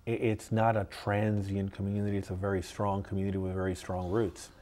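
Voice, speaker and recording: A man being interviewed as a guest, talking in an earnest, halting way with frequent restarts. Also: sits low, completely flat delivery, dark tone. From United States. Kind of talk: casual interview chat.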